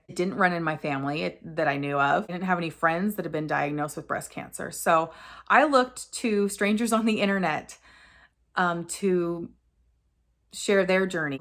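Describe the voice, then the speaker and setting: A woman's voice: fairly low pitch, creaky, a bit bright. A woman in her forties telling a personal story to camera in an earnest, candid way, often correcting herself as she goes. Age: 40s. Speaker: vlogger sharing a personal story.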